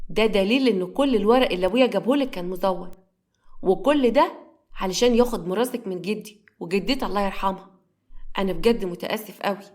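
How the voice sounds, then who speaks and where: A woman's voice: medium pitch, lightly acted. A woman voicing an earnest, apologetic young man in Egyptian Arabic.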